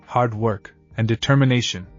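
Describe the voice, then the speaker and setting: A calm, self-assured young male ninja speaks in a fan story, read by a man in his own voice. His tone is even and mid-pitched. The audio is slightly dull with soft music underneath. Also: normal speed, natural voice.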